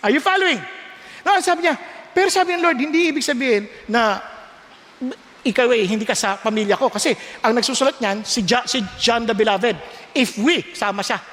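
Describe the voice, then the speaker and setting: A man's voice: very high voice, a little fast, a bit bright, long reverb tail. An older male pastor preaching a sermon, mixing languages and checking in with the congregation with frequent questions. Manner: preaching in mixed Tagalog and English, with questions to the congregation.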